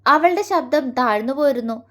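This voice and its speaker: A woman narrating a romantic audio story in a steady, expressive reading. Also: high voice, moderate pace.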